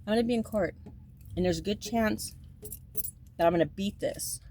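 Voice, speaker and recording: Speaking at a normal speed with a dark, mid-range voice, a woman in her fifties gives a loose, rambling monologue. She keeps repeating herself and restarting sentences, turning emphatic and indignant at times. Slight background noise is audible.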